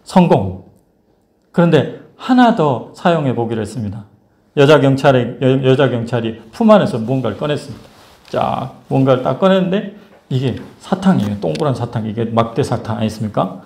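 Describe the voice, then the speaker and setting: Animated male preacher telling a story. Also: mid-range voice, normal speed, creaky. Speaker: pastor. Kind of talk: sermon.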